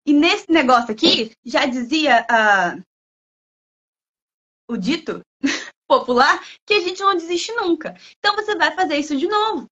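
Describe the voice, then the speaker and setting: Brazilian woman giving a livestream talk, high voice, playful, acts out students, kinda dull lo-fi sound. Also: unhurried, pauses often. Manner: animated, playful, acts out imagined students' lines. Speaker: guest speaker, language school head.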